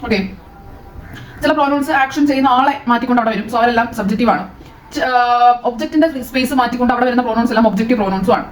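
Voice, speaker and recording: A Malayali-accented woman teacher talks through a grammar lesson at a very quick clip. Her voice sits a little high. She throws questions at the class and answers them herself, slipping English phrases into her explanation.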